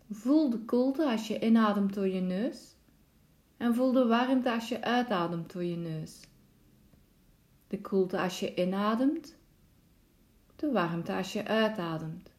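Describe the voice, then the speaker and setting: Speaking in a mid-range voice, a woman guides a relaxation meditation in her role as a yoga nidra instructor. Each instruction is soothing, calm and carefully measured.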